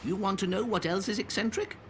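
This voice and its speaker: A man's voice: high voice, a little fast. An actor playing a talkative, teasing old cat man in a video game, with a theatrical, chiding, probing manner. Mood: teasing, needling. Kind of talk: English video game voice acting. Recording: clearly noisy game audio with ambience.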